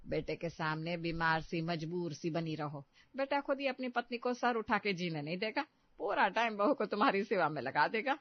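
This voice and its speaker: In a cartoon story, a woman plays a boastful, bossy older mother-in-law who brags and gives orders in a commanding manner. Her lowish voice is expressive, and the recording is dull, dry lo-fi.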